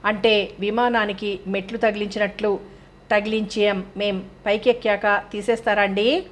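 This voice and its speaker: A woman's voice: medium pitch, flat delivery, moderate pace, natural voice. A woman voicing a blunt male caller asking about a house to rent. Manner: plain, joking then blunt.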